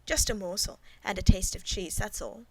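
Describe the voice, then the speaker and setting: A woman's voice: medium pitch, moderate pace, gravelly, no room sound, rough recording. Woman reading a cool, composed older maidservant. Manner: calm, composed, demure. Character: guarded middle-aged female servant, cool and composed.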